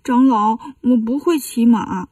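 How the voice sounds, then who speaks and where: A woman's voice: fairly high pitch, a little slow, a little mellow, slightly rough, no room sound, distant mic. A woman storyteller voicing a sly demon who poses as a tearful little boy, whining and pleading.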